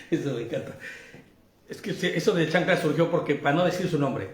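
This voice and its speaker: A Mexican man with a high-pitched voice leads a Bible study. He keeps asking his listeners questions and laughs easily as he explains. The sound carries a roomy echo. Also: normal speed, crowd noise. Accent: Mexican Spanish. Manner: laughs easily while teaching. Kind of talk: interactive Bible study lesson.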